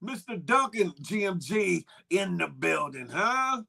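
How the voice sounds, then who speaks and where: A man hosting a casual live-stream talk show, animatedly shouting out viewers' names and chatting loosely with repeated catchphrases. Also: high voice, sing-song, slow, vocal fry, slightly rough.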